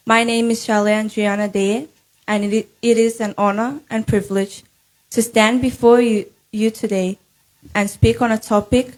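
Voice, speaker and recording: A young woman from Nauru, giving a prepared formal speech as a pageant contestant in an earnest, measured way. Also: mid-range voice, a little mellow, low-quality recording. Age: young adult.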